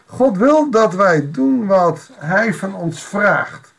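A man's voice: high-pitched, expressive, slow, vocal fry, fairly bright tone. A man giving an informal Bible devotional, reading a passage aloud and explaining it in a conversational way with wry asides.

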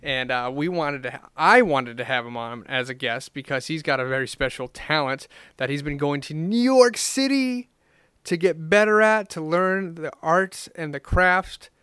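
A man's voice: on the high side, lively intonation, normal speed, pushed and bright, smooth, dry recording, clean studio sound. A man hosting his own podcast, chatting loosely with fillers and restarts. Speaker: podcast host. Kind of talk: casual podcast chat.

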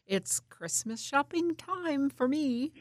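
A woman's voice: sits high, expressive, takes it slowly, dry recording, clean studio sound. A woman co-hosting a conversational radio interview.

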